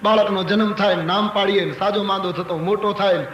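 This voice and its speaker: A man's voice: sits high, fairly even intonation, moderate pace, a bit bright. An older man giving a religious discourse, telling anecdotes and acting out the characters in a raised voice. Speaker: spiritual storyteller. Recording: echoey hall with faint ambience.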